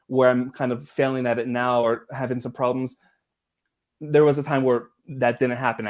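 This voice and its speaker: A man hosting a language-learning livestream, chatting in a relaxed, rambling way and laughing easily. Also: medium pitch. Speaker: livestream host. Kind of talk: casual livestream chat.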